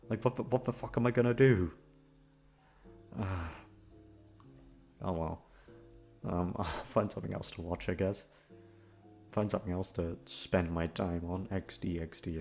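An audio roleplay creator rambles through a casual outro, his voice on the low side with vocal fry and a darkish tone. He chats to listeners in a scattered, self-deprecating way, swearing freely, while music plays in the background.

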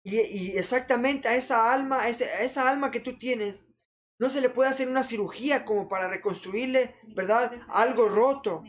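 An earnest preacher delivering a sermon, pleading with the listeners and circling back again and again to the same fond address. The voice sits at a middle pitch, neither high nor low. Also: normal speed. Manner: repeats "amados amigos" constantly, earnest pleading.

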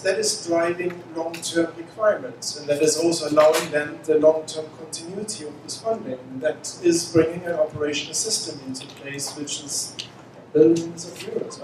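Man on an echoey conference panel. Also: a little high. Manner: halting, many fillers and restarts. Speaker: panelist, mission scientist. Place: conference room, indoors. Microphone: handheld mic. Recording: echoey hall, mic from far off, noisy.

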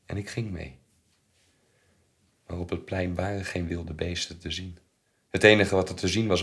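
An actor with a Flemish accent playing a troubled man who quietly relives his painful childhood in a stage monologue. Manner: subdued, low, haunted storytelling. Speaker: actor playing the narrator Bernard.

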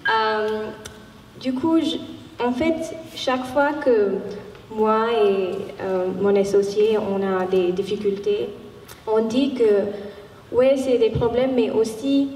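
A young woman with a foreign accent in French, not a native speaker, talking haltingly and searching for words on a panel. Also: a little high, fairly even intonation, darkish tone. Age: young adult. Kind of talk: unscripted panel talk. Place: large warehouse hall with seated audience. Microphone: handheld microphone. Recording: echoey hall, distant, background noise.

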